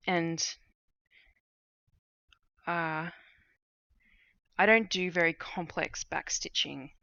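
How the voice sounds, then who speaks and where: Slow, low-voiced woman crafting on stream. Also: gravelly, dry recording, dull audio. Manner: relaxed, unhurried, thinking aloud with many fillers. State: starting to lose her voice. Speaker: cross-stitch streamer. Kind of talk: casual live-stream chat while crafting. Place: at home at a table, at night.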